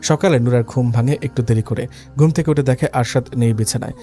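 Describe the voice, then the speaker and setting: A man narrating a dramatic story in a steady, scripted reading. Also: medium pitch, fairly quick. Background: faint background music.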